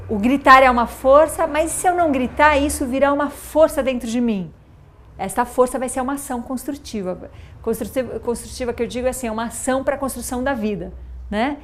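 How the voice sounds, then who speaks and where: Middle-aged Brazilian woman, higher voice, reflective and halting. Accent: Brazilian Portuguese. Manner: thoughtful, storytelling with many fillers and restarts. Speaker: mother. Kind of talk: reflective interview talk.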